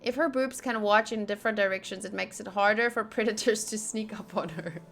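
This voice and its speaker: With game music playing, a young streamer reads in-game text aloud and cracks jokes in a relaxed, talkative playthrough. She speaks fairly quickly in a mid-range voice that's gravelly yet fairly bright.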